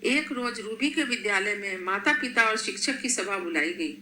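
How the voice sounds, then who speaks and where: A woman narrating a scripted family story in a steady, expressive reading voice, in an echoey room. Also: mid-range voice, normal speed. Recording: echoey room, faint noise.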